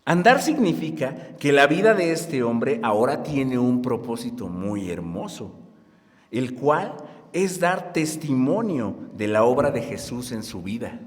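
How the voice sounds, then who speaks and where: A man preaching a sermon as pastor, slow and lively, rising loud on key words and leading his congregation. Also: medium pitch. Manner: slow, lively preaching with strong rises in loudness; leads the congregation in reading aloud. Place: church hall at a conference. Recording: long hall reverb.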